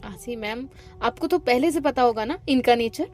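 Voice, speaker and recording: A hot-tempered young woman, jealous and sharp-tongued, snapping quick sarcastic comebacks, as a female storyteller plays her. Her voice rides a little high, over faint background music. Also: lightly acted. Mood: angry, sarcastic. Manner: angry, rapid, sarcastic retorts.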